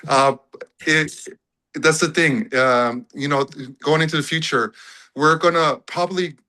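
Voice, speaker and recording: Bright-voiced man. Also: fairly high pitch, fairly even intonation, measured pace, poor audio. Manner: easygoing storyteller. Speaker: audience member calling in. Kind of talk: casual call-in chat.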